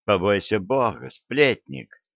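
Man putting on a stern queen, sharp, mocking, raised voice, dull recording. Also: fairly low pitch, takes it slowly, vocal fry, no room sound, heavily acted. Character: stern sharp-tongued tsaritsa, adult woman.

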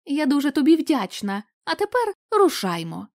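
A woman reading the part of an eager young woman who talks in a bright, excited, coaxing way. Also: high-pitched, normal speed, pitched above the performer's own voice.

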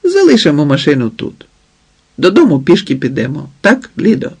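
A man voicing a cheerful, talkative son-in-law who jokes and flatters loudly, in a storybook reading. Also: on the high side, normal speed, slightly rough, full character voice. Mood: jovial. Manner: lively, jovial, loud.

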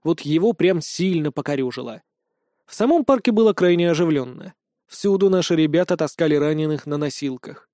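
A man narrating a first-person audiobook, gruff and menacing in the hero's lines. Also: fairly high pitch, animated, brisk, warm tone, no echo, clean studio sound.

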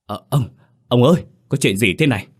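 A man's voice: medium pitch, lively intonation, brisk, slightly rough, pitched above the performer's own voice. A man voicing a frightened young male servant who stammers and shrieks in panic. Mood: stammering.

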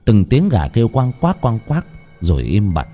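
A man narrating a horror story in an expressive, dramatic reading. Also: lowish voice, normal speed, faint music behind.

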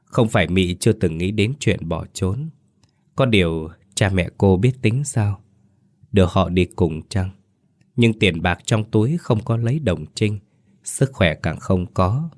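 A male storyteller reading a ghost story in a measured, solemn way. His voice is very deep and low. The recording is dry and close, with no room sound. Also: lively intonation, darkish tone, no echo. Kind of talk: scripted audiobook narration of a ghost story.

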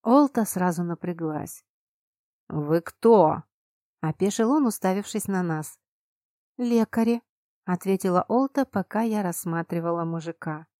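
A woman narrating a first-person fantasy audiobook in an expressive, emphatic manner on a close mic. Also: fairly low pitch, normal speed, few pauses, no room sound.

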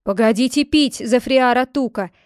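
Woman reading as a big-bellied monk, firm, earnest, kinda high, dry sound. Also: moderate pace, clean tone, no room sound, close to an everyday voice. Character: jolly stout male monk, stubborn about his vows.

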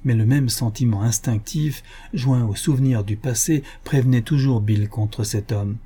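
A man narrating an adventure novel as an audiobook, in a measured, dramatic reading. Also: medium pitch, warm tone, husky. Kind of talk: scripted narration.

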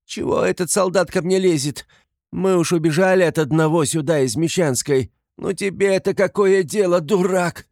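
A man reading an audiobook, voicing a desperate consumptive woman in shrill, wailing hysterics. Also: measured pace, gravelly, a little mellow, no echo, studio quality. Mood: hysterical.

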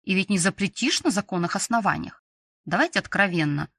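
A woman's voice: medium pitch, lively intonation, a little fast, a bit bright, breathy edge, no room sound. A woman reading an audiobook, voicing a stern, sarcastic female school director with a curt, grumbling manner.

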